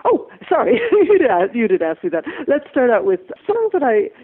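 A middle-aged woman with a mixed American and Irish accent, a musician chatting on a phone interview, upbeat and quick to laugh. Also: fairly high pitch, huge pitch swings, breathy edge. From USA. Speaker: musician guest. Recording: tinny phone line.

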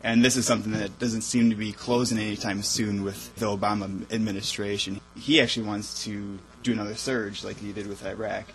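A man's voice: lowish voice, little pitch movement, brisk, few pauses, faint music behind, poor audio. A young man giving an informal, wry speech about a campaign. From Wisconsin, USA. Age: young adult. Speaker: campaign speaker. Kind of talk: public speech.

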